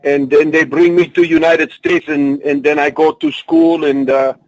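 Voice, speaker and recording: A man speaks, answering in broken English. He keeps a booming wrestling persona and a fairly high voice. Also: level tone, normal speed, darkish tone, low-quality recording. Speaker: wrestler guest. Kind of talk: in-character interview answers.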